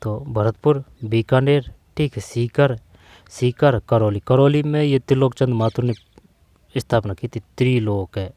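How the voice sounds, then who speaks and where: In a relaxed exam-prep lesson, a man works through test questions with a dark, mellow, mid-range voice at an unhurried pace. The recording is dry and close. He says each answer several times and keeps checking in with a frequent "theek hai."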